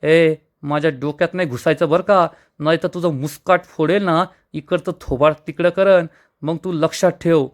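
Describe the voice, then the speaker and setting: A man's voice: a little high, steady tone, moderate pace, close to an everyday voice. A man reading the lines of a scheming, short-tempered young husband, swaggering and threatening. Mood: angry.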